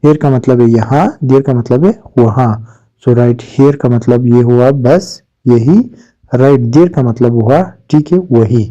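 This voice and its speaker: A male English teacher with an Urdu accent, a native Urdu speaker, giving a vocabulary lesson and slowly repeating each English word. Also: medium pitch, mellow. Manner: slow, drawn-out repetition of English words. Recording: dull lo-fi recording.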